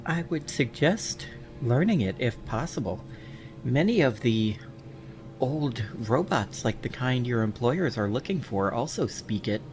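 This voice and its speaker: A man's voice: mid-range voice, big pitch swings, measured pace, darkish tone, faint music behind. A man playing a tabletop game, talking plans through in a plain, matter-of-fact way. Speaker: player. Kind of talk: casual game table chat.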